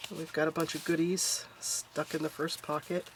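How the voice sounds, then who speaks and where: With a deep, level voice at a normal speed, a craft channel host chats homily while flipping through a craft journal in her home craft room. Her nose is congested, making her sound stuffed up and nasal, and a little hiss or hum is audible.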